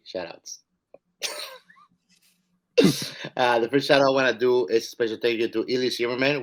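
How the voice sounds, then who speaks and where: A man co-hosting a podcast in loose, joking casual chat. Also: fairly low pitch. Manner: playful, joking, trails off into slang. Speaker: podcast co-host.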